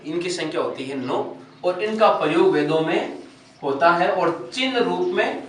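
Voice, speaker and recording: A man's voice: high-pitched, slight background noise. A man teaching a Sanskrit grammar lesson for exam preparation, explaining step by step, repeating key phrases and asking rhetorical questions. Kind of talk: exam-prep lecture. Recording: echoey room, mic at a distance.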